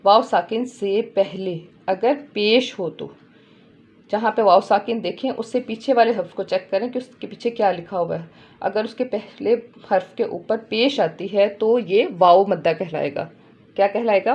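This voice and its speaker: A woman's voice: medium pitch, normal speed, lo-fi sound. A woman teaching a Quran lesson step by step, patiently repeating each point and checking in with her students.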